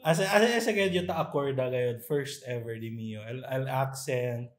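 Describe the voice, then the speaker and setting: Animated man telling stories. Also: mid-range voice, normal speed. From Zamboanga, Philippines. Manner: animated storytelling with playful mimicry. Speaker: podcast co-host. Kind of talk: casual chat.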